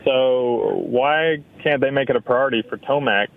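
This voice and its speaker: A man's voice: medium pitch, normal speed. A man calling in to a radio talk show over the phone, hesitant at first and then pressing his point. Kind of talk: casual call-in question. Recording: dry tinny phone line.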